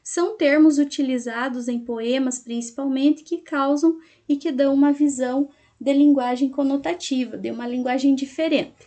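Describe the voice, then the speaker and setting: A woman teacher explaining a lesson to her class slowly, syllable by syllable, and checking in often with her students. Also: high-pitched, fairly even intonation, warm tone.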